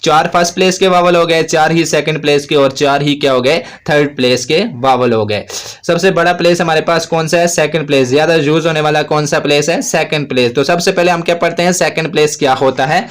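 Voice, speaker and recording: A man teaches step by step. He asks the class a question, answers it himself, and repeats key points. The delivery is steady and patient. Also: on the high side, a little fast. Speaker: shorthand teacher. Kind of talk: classroom-style lesson.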